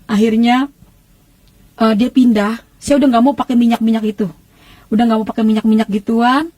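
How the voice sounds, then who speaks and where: High-voiced woman giving an emotional testimony. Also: steady tone, moderate pace, dark tone, dry recording. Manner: emotional, acts out the quoted voices of others. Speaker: church testimony speaker. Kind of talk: personal testimony storytelling.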